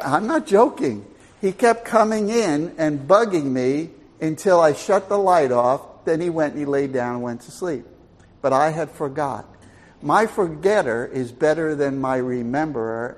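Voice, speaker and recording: Slow-speaking older man teaching scripture. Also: on the high side. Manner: folksy, storytelling, emphatic. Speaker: Bible teacher. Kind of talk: Bible teaching sermon.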